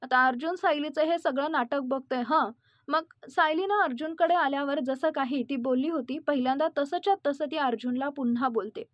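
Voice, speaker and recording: High-voiced woman recapping a serial. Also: moderate pace, no room sound, lo-fi sound. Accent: Marathi. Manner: retells scenes and reads character lines aloud. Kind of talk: retelling a TV episode to viewers.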